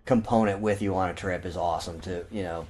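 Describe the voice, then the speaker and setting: A man in laid-back podcast banter, tossing in short approving replies and quick jokes. He talks in an easy, offhand way. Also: low-pitched, a little mellow. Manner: supportive, jokey short reactions. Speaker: podcast co-host. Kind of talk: casual chat.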